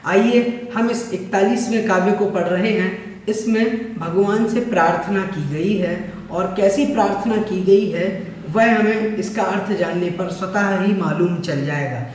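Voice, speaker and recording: A man's voice: high voice, measured pace, darkish tone. A man teaching an online scripture class, patiently explaining and repeating words to fix pronunciation. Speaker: religious teacher. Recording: echoey room, voice from far off.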